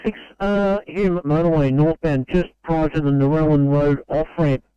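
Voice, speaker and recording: An Australian man working as a traffic control operator, calmly dispatching a crew over a two-way radio, halting now and then with fillers. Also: on the high side, clean tone, no room sound. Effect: two-way radio transmission. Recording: dull narrow radio channel.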